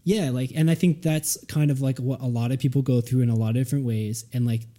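A man's voice: medium pitch, fairly even intonation, fast talker, warm tone. A man co-hosting a casual podcast chat, musing thoughtfully and rambling with many fillers. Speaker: podcast co-host.

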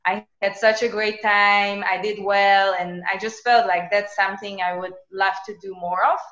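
A woman in her thirties from Slovakia, speaking English as a podcast guest, lively and chatty with many casual fillers. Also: mid-range voice, moderate pace. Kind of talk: casual interview chat. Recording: echoey, dull lo-fi remote recording.

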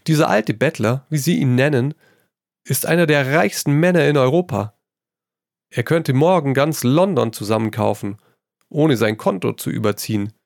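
A man's voice: mid-range voice, moderate pace, creaky, no room sound, clean studio sound, pitched above the performer's own voice, lightly acted. A man reading a story aloud, voicing a witty, worldly painter who teases his friend and tosses in French phrases. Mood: teasing. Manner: lively, amused, tossing in French phrases. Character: witty amused male painter, worldly and teasing.

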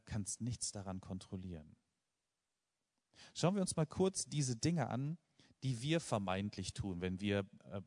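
A man with a fairly low voice preaches a sermon to his congregation. He speaks with earnest emphasis, leaning on repetition and rhetorical questions to drive each point home. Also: a little mellow. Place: church with a live congregation.

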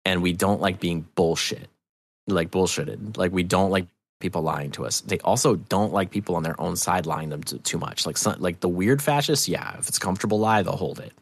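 Fairly quick and low-voiced, this New Hampshire man guests on a podcast, sharing anecdotes in an emphatic, opinionated style full of swearing during casual interview chat. The recording is dry.

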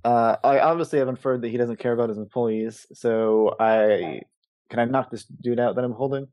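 A man chatting casually as a player in a tabletop game, asking quick questions. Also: medium pitch, no echo, muffled recording.

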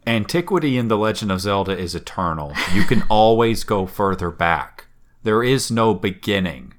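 A man co-hosting a casual podcast chat, animated, swearing casually and musing at length. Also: on the low side, normal speed. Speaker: podcast co-host.

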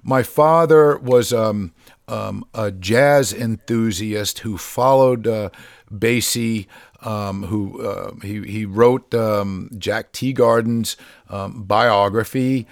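A man with a low, gravelly voice, chatting as a guest in a casual interview. He talks haltingly, circling back with fillers and restarts. The sound is close and dry, with no room around it. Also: no echo. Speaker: drummer guest.

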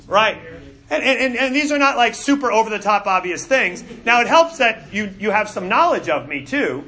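A middle-aged man leads a Bible class in a high, bright voice. He talks in a lively, conversational way and often repeats a word before he carries on. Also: moderate pace. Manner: animated and conversational, with frequent repeated words. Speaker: Bible teacher. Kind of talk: classroom lecture.

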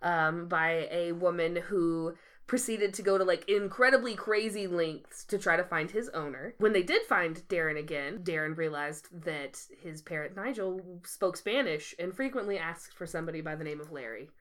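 A woman's voice: lowish voice, moderate pace, fairly bright tone. A woman co-hosting a podcast, telling rambling stories in casual chat and laughing often. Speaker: podcast co-host.

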